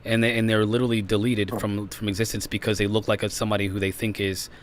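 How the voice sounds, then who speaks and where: A man's voice: on the low side, flat delivery, quick pace. A man on a podcast panel arguing emphatically in a casual debate and cutting in often.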